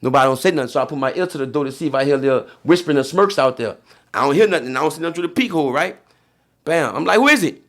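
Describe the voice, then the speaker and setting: This podcast guest is a young New Orleans man whose fairly high voice races as he recounts a story. His delivery is loose street slang, peppered with "you feel me."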